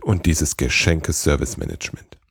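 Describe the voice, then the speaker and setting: A man voicing a tired, kindly old Santa Claus in a storybook tale, speaking slowly and wearily. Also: extremely low pitch, big pitch swings, vocal fry, fairly bright tone, husky, no echo, studio quality, voice pushed down, exaggerated voice. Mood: weary. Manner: slow, weary, grumbling.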